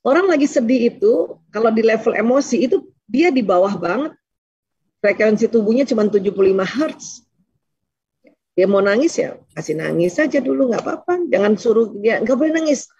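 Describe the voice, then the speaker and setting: A woman's voice: a little high, moderate pace, slightly rough, no room sound, dull audio. A woman religious teacher talking casually and answering questions, acting out little dialogues as she goes. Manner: lively, acts out little dialogues, laughs often.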